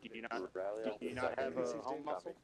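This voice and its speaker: Mid-pitched man helping out on squad chat. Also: sing-song, brisk, vocal fry. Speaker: player in a military sim. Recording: game voice chat with crowded chatter. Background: other players' overlapping voices.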